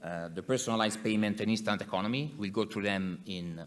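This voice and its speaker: A man with an Italian accent giving a conference presentation in English as an executive, speaking haltingly and repeating words. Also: on the low side.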